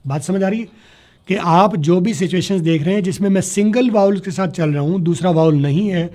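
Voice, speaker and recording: A man teaching spoken English to a class, spelling words letter by letter, slowing down to model sounds and checking that students follow. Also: sits high, a little mellow. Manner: slows down to demonstrate pronunciation. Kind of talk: classroom lecture.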